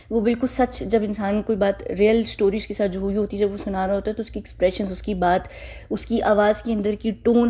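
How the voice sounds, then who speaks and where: A woman's voice: medium pitch, mellow. A woman, giving casual, mocking commentary on a clip and lecturing her viewers.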